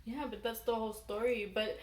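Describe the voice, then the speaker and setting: A young adult woman from Palau telling a story casually, in a halting, rambling way with frequent self-corrections. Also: a little high, fairly even intonation, a little mellow. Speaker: mukbang vlogger telling a folk legend. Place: small room indoors, seated at a table. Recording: roomy echo, background noise.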